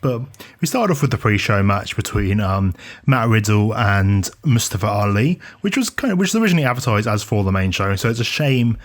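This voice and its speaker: Man, fairly low voice, casual podcast recap, lots of ums and restarts. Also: big pitch swings, a little fast. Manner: recaps matches in detail, many fillers and restarts. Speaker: podcast co-host. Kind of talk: casual wrestling review chat.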